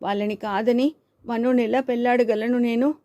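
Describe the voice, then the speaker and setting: A woman's voice: fairly high pitch, steady tone, moderate pace, warm tone, dry recording, highs cut off, natural voice. A woman voicing Devika, a timid and tearful young woman in love, pleading and despairing in an audiobook reading.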